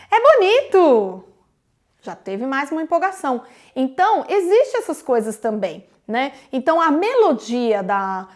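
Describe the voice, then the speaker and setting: A woman with a Brazilian Portuguese accent teaching English in a live online lesson, explaining step by step and often adding "né?". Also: high voice. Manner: explains step by step, tags sentences with "né?".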